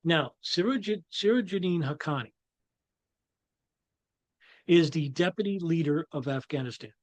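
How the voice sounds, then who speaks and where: A man's voice: fairly high pitch, animated, unhurried, no echo. A man with a New York accent giving his own views in a rambling monologue, full of restarts and fillers. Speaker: commentator. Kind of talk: casual monologue.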